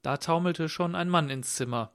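A man reading a humorous story aloud in a measured, unhurried way. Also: a little high, fairly bright tone. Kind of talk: storytelling narration.

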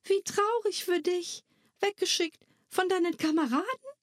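A woman reading a story aloud, voicing a kind young girl who gently soothes and coaxes. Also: very high-pitched, big pitch swings, unhurried, no room sound, studio quality, pitched above the performer's own voice, full character voice. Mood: soothing. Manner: soft, soothing, coaxing.

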